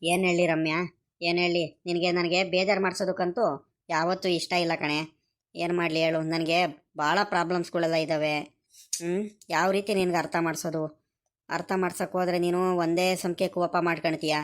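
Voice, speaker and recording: A woman voicing a poor, dutiful young male farm boy in a village cartoon, explaining things softly and pleadingly in a rural Karnataka Kannada accent. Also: fairly low pitch, flat delivery, moderate pace, close to an everyday voice. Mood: earnest. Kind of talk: animated cartoon voice acting.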